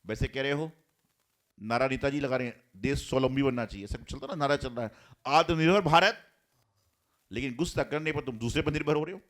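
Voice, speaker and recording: Jain monk giving a lively sermon. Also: male voice, fairly quick. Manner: storytelling, acts out quoted lines with rising pitch and force; repeats key phrases for emphasis.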